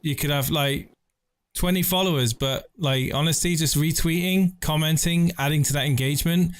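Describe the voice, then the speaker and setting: A laid-back man co-hosts a casual live audio chat, slangy and relaxed, reading out audience questions. His voice is a touch high and smooth and clear. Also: moderate pace.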